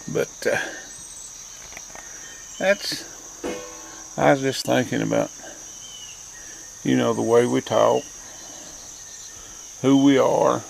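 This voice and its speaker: A man's voice: medium pitch, vocal fry. An older man with an Appalachian accent, rambling reflectively in a folksy, plainspoken mountain dialect. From Appalachian mountains, southern US. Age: older, grandparent. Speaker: host. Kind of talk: rambling, reflective front-porch monologue. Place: outdoors, rural porch. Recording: outdoor insect and nature noise.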